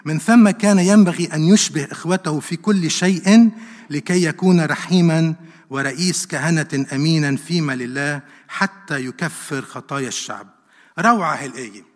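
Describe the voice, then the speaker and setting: Male preacher, fairly high voice, animated sermon full of rhetorical questions, hall reverb. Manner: animated, rhetorical questions, repeats verses for emphasis.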